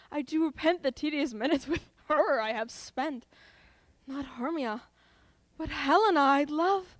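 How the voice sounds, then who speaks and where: An eager, teasing young man in love, with a bright, high voice that leaps up and down, as a woman plays him on a school stage. The sound is dry and close. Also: dry recording. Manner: sweeping pitch swings, laughing through lines. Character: young male lover Lysander, ardent and playful.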